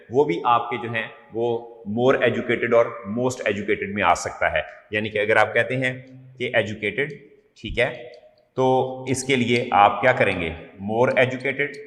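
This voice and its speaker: A man from Pakistan teaching an English grammar class. He keeps checking in with "okay?", quizzes his students, and draws out the English words slowly. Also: mid-range voice, fairly bright tone. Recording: echoey hall, distant mic.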